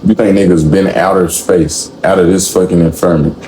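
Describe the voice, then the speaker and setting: Young guy with a real low, mellow voice, blunt and swearing, echoey room. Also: moderate pace. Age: 20s. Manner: blunt, profane, animated. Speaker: guest. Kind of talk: casual chat. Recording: echoey room, faint room noise.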